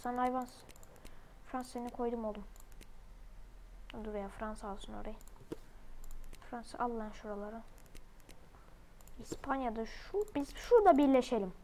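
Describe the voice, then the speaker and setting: A woman with a high voice talks through a strategy game in a casual commentary. She is excitable and keeps breaking into loud, crude outbursts. A faint hiss sits under the recording. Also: moderate pace, pauses often, poor audio. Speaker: gamer playing online strategy game.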